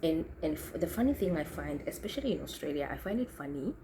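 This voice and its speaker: Speaking fast and expressively in a deep voice, a young woman from Kenya reflects to camera on what she has lived through, frequently correcting herself and starting sentences over. There's noise in the background.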